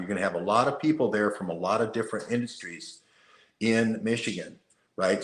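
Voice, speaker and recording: A man's voice: fairly low pitch, a bit bright. A man talking on a talk show, emphatic and fond of repeating his points for effect. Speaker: guest. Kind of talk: conversational talk-show commentary. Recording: roomy echoey sound.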